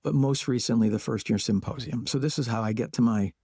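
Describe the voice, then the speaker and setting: Male guest, playwright-educator type; gravelly, mellow voice; unhurried, reflective interview talk in short thought-out phrases. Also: medium pitch, no echo, clean studio sound. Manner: thinks aloud in short measured phrases.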